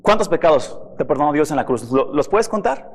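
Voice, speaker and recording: A man preaches a sermon in a slightly high voice, pressing his listeners with rhetorical questions. His voice rings out with a long reverb, as in a church hall. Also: expressive, brisk. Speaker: pastor.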